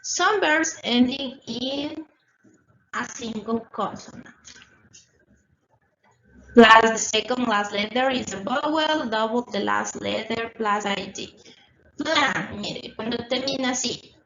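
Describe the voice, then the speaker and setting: Slow-explaining woman teacher, echoey lo-fi. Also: fairly high pitch, a bit bright, slight background noise. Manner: slow, repetitive explaining with check-in questions. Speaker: English teacher. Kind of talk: recorded distance-school lesson. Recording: echoey, dull lo-fi room recording.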